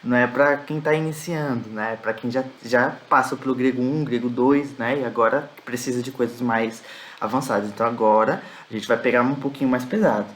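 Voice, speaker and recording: A male teacher with a Brazilian Portuguese accent, patiently explaining vocabulary in a recorded class, repeating each word slowly and checking in with his students. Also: medium pitch, fairly even intonation, a little hiss or hum.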